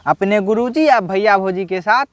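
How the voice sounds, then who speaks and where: A man retelling a devotional folk tale in casual speech, unhurried and halting, acting out the characters' quoted lines. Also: sits high, dry recording. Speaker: storyteller. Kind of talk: casual spoken religious story.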